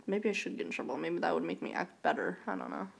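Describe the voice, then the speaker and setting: A young woman co-hosting a casual podcast, teasing her friends with deadpan jokes. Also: lowish voice, quick pace, vocal fry. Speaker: podcast co-host. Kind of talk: casual chat.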